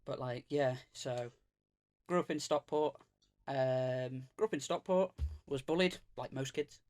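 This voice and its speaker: In this casual podcast chat, a streamer's guest from Greater Manchester, England, talks in a medium, slightly mellow voice. His intonation stays fairly even and his pace unhurried. He rambles and mocks himself, with plenty of fillers and restarts.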